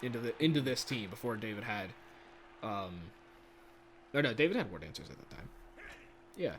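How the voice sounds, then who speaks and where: A man doing casual, excitable play-by-play commentary of a video game from home. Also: lowish voice, moderate pace, a little hiss or hum. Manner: chatty, excitable, laughs often. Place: home room.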